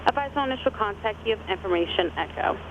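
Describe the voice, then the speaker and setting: A voice reading a recorded airport weather broadcast in a flat, steady recitation of numbers, heard over an aircraft radio. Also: medium pitch, fast. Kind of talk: recorded weather and runway information readout. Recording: narrow radio band with clear cockpit noise.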